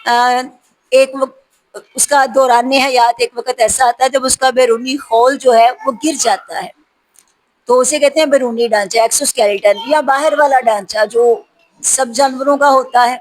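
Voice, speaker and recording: A woman teacher reads out spelling words one by one and explains what each means, slowing down for the hard ones. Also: sits high, steady tone, poor audio. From Pakistan. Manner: reads each word slowly, then explains it. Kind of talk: vocabulary lesson for spelling practice.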